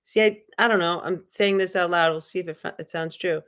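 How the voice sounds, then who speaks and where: A young woman runs a casual livestream, reading viewer comments and rambling in a loose, spiritual way, packed with filler words. Her voice sits low, brisk and a little bright, with a steady tone.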